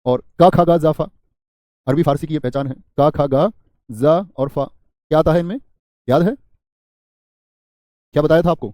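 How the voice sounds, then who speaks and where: A man runs a live exam-prep grammar class, repeating words over and over and putting questions to his students. His voice sits a little high for a man but sounds mellow and warm. The sound is dry and close, with no room around it. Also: normal speed, long pauses, no room sound. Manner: drills word lists, quizzes students, reads chat comments, jokes.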